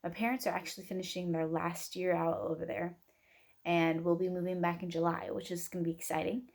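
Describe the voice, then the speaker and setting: A woman's voice: fairly low pitch, flat delivery, brisk, vocal fry, darkish tone. A woman in her twenties from Oregon, introducing herself as a student in a casual, rambling way with many fillers. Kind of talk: casual self-introduction video.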